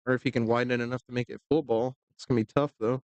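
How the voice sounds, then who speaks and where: A man giving relaxed, joking live commentary on a pool match, talking loosely with fillers. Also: medium pitch, very fast, clean tone, no echo, muffled recording.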